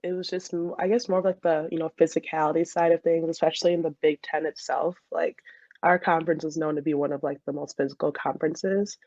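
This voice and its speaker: Talking fast in a low-pitched, level, darkish voice, a young woman from Michigan, USA, recalls being a college soccer player in a casual, chatty interview, often laughing. The recording is muffled and has no room sound.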